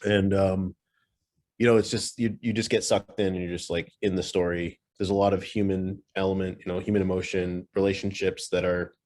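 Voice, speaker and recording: A man's voice: deep voice, flat delivery, fairly quick, a little mellow. A man co-hosting a podcast, rambling in a casual chat and often restarting his sentences. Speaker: podcast co-host.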